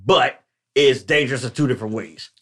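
A man's voice: medium pitch, fairly quick, a bit bright. A man in a casual group chat, arguing his points emphatically and cutting in. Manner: emphatic, interrupts to argue points.

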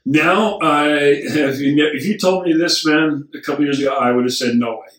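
Man in his forties, casual podcast guest, lively storyteller, echoey room, set back from the mic. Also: fairly high pitch, normal speed, far from the mic. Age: 40s. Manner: animated storyteller acting out dialogue. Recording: roomy sound from off mic.

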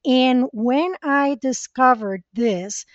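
A woman from Costa Rica, speaking as a podcast guest, tells her own story in an earnest, reflective way. Her voice sits a little high. The recording is dry and dull, with a lo-fi quality. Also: slow pace, no echo. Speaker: podcast guest, spiritual mentor. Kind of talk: conversational interview storytelling.

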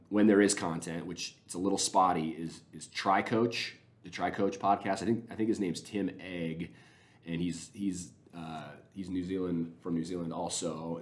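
A man with a very deep, low voice talks casually and at length on his podcast. He rambles with real enthusiasm, doubling back and restarting his sentences as he goes. The delivery is unscripted and conversational. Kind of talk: casual spoken recommendations.

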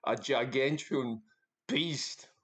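A man with an Australian accent hosting a podcast interview, talking in a relaxed, hesitant way with many fillers. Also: medium pitch, very slow. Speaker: podcast host.

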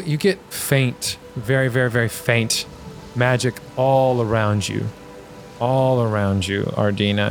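A man running a tabletop role-playing game as game master, describing scenes in a conversational, improvised way. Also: medium pitch. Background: music and rain sounds.

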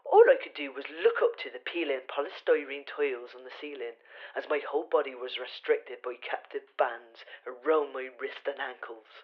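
A woman's voice: a bass voice, moderate pace. A woman voicing a pompous, self-important male detective in a hobby audio drama, telling his own capture with wry storytelling. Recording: slightly dull lo-fi recording.

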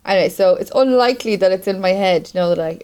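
Irish female podcast co-host, mid-pitched voice, chatty and colloquial, casual conversational delivery. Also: quick pace, darkish tone, clean tone. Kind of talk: casual chat.

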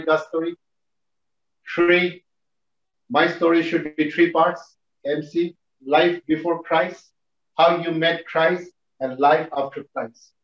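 Higher-pitched Indian-accented man preaching, muffled audio. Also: reverberant. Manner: emphatic, repetitive, short phrases. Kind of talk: teaching talk to church workers.

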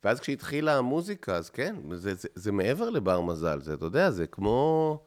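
An Israeli man telling stories in a casual podcast chat. His pitch swings widely and he slips into other people's voices as he goes. His voice sits a little low. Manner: animated storyteller who acts out other people's lines. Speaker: musician guest.

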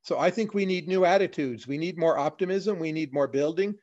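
A man, a guest in an interview, explaining his views in a measured way, in plain short lists. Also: on the high side, a little mellow. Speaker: economist guest. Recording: dull lo-fi audio.

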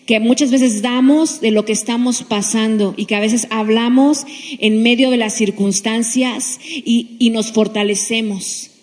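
Woman pastor, earnest, slightly high, long reverb. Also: steady tone, a little slow, a little mellow. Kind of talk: casual faith sharing.

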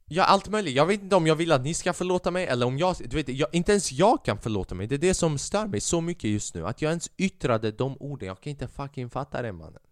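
Young man, solo podcast host, heated and profane, smooth voice, dry close mic. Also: fairly high pitch, few pauses, dry recording. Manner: animated, swears a lot, mixes in English phrases. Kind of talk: casual solo podcast monologue.

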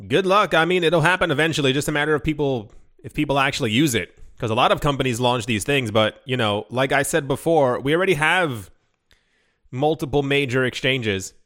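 A man's voice: mid-range voice, a little fast, a bit bright. A man hosting a crypto news show, reading headlines and drifting into chatty, rambling asides full of fillers. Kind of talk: casual news commentary.

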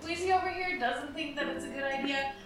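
A high-voiced woman plays a tabletop game, chatting casually in character. She sounds a little way from the mic in a very echoey room, with music behind. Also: fairly quick, distant mic, background noise.

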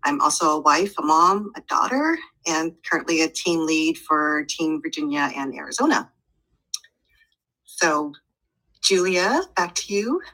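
A woman in her forties, a podcast guest, speaking in a measured, thoughtful way. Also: low voice, expressive, sharp tone, rough recording. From United States. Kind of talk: conversational podcast discussion.

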